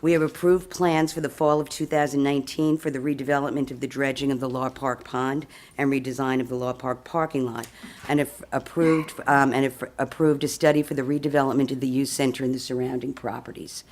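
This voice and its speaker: Woman, mayor, prepared speech, rushed delivery, listing accomplishments, community meeting room. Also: a bass voice, steady tone, a little mellow. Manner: rushed, reads a long list of accomplishments. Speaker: mayor seeking renomination.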